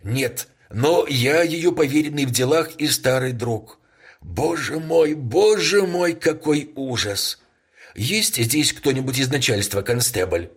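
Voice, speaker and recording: A man's voice: medium pitch, animated, slow, slightly rough, voice pushed up, full character voice. A man voicing an agitated middle-aged male solicitor who exclaims in shock and fusses nervously. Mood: distressed. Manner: shaken, exclaiming, fussy.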